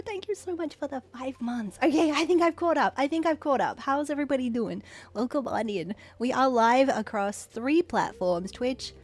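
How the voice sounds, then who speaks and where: Woman, high voice, excitable live host, soft music behind. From Australia. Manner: excitable, rapid thanks, frequent stumbles. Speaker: livestream host. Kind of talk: casual livestream chat.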